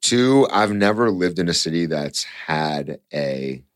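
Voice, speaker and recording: A man's voice: deep voice, expressive, slow, no room sound, clean studio sound. A young Canadian man hosting a casual podcast chat, emphatic, repeating points and swearing freely. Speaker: podcast host.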